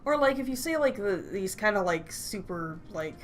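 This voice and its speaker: A woman in casual chat over gameplay, groping for words and piling on fillers. Her pitch moves about a lot as she talks. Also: animated, normal speed, slight background noise. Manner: rambling, hesitant, many fillers. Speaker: let's play co-host.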